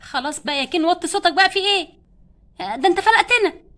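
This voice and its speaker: Wife doll, Egyptian Arabic accent, scolding, very high pitch, rapid speech, doll play story. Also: female voice, animated, fairly bright tone. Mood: bickering. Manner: pleading, scolding her husband. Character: spendthrift wife doll who loves dresses.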